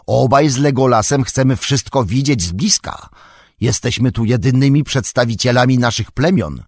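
A man voicing a gruff, stubborn male dwarf in an audiobook, insisting in a raised voice. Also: medium pitch, lively intonation, normal speed, no echo, clean studio sound, voice pushed up. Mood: insistent.

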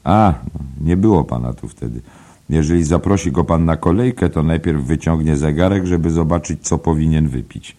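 A man's voice: extremely low pitch, normal speed, dark tone, voice pushed up. A man voicing a gossipy older male barfly who swears by God, in an audiobook. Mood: gossiping. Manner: knowing, confidential, emphatic oaths. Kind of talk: audiobook character voice.

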